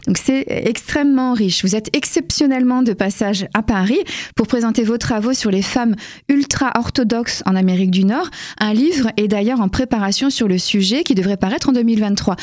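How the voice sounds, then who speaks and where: A woman hosting a radio interview, asking measured, polite questions with occasional fillers. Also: a little high, a little mellow, no room sound, studio quality. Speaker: radio host.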